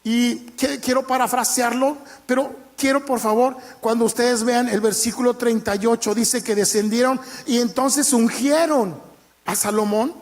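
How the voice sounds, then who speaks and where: A man preaches in a church, retelling scripture as a lively story. His voice sits high for a man. He slips into the characters' lines with plenty of animation. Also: moderate pace. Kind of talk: sermon.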